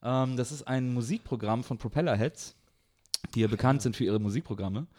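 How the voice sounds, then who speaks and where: A man's voice: mid-range voice, fairly quick, darkish tone. A man hosting a casual podcast, easygoing, laughing along and reading out listener questions. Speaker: podcast host.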